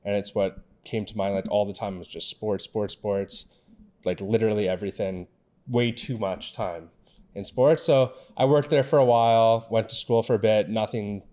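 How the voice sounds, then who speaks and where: A man in his twenties from Canada, co-hosting a podcast in a relaxed, rambling chat. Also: on the low side, normal speed. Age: 20s. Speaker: podcast co-host. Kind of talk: casual chat.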